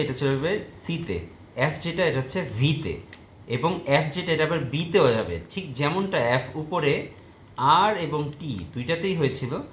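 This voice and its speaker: A man's voice: mid-range voice, slight background noise. A man teaching keyboard typing step by step, calling out each key as he presses it. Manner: calls out each key letter as he types; explains step by step to parents of students. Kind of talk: typing tutorial. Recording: echoey room, faint ambience.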